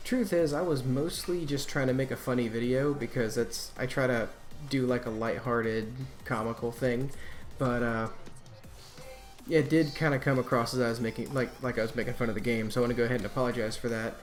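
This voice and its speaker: A man's voice: mid-range voice, fairly even intonation, brisk, soft background music. A man hosting a Let's Play, giving casual, rambling gameplay commentary in a laid-back way.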